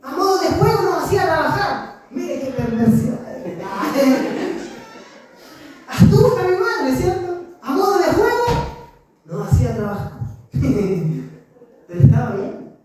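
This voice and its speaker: A man's voice: very high-pitched, takes it slowly, a faint crowd. A man with a Chilean accent preaching a sermon, telling stories and asking the congregation rhetorical questions. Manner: animated storytelling with rhetorical questions and laughter. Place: church hall. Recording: very echoey hall, voice far from mic.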